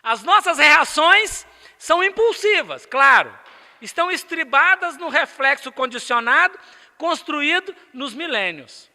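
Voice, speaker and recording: A man's voice: extremely high pitch, animated, unhurried, pushed and bright. A man with a Brazilian accent giving a spiritist lecture, emphatic and asking the audience rhetorical questions. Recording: echoey lecture hall.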